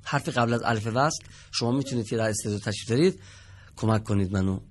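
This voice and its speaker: A man's voice: fairly low pitch, a little hiss or hum. A man teaching Quranic Arabic reading on a TV studio lesson, patient, asking the students questions and repeating their answers.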